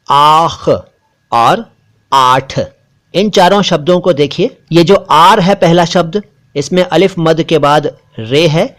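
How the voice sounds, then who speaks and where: A man with a slightly raised voice teaches Urdu letters as a patient lesson. He drags out each short word slowly and deliberately, and he insists firmly on correct pronunciation. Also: fairly high pitch. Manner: slow, deliberate spelling-out of letters and words; stresses correct pronunciation, a bit critical of others. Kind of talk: spoken script lesson.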